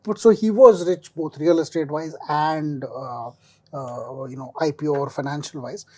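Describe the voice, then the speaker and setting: Man explaining, mellow dark voice. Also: fairly high pitch, moderate pace. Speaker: panel guest, finance commentator. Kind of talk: informal panel discussion.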